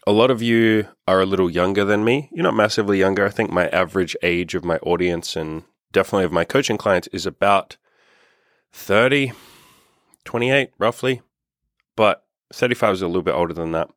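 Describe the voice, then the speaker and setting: A man's voice: sits low, a little fast, a bit bright, no room sound, studio quality. A man in his thirties, a dating and self-improvement coach, talking candidly and upbeat in a casual podcast monologue, swearing freely. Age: 30s. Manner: candid, upbeat and heavily profane.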